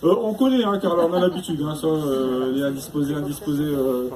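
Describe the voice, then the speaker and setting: A man's voice: fairly high pitch, fairly quick. A male stand-up comedian doing crowd work, chatty and teasing, tacking on tag questions as he goes. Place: stage before a live audience. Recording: noisy live room.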